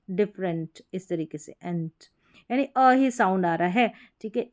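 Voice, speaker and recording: Smooth-voiced woman teaching pronunciation. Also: medium pitch, darkish tone. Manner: patient, repeats words slowly and often asks the learner questions. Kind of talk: explaining spelling rules from a board.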